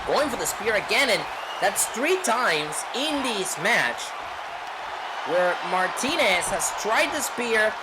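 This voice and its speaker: Slowly and in a sing-song, high voice, a man gives live play-by-play for pro wrestling, using short clipped lines and dramatic rhetorical questions. Crowd noise from a loud, noisy venue surrounds him.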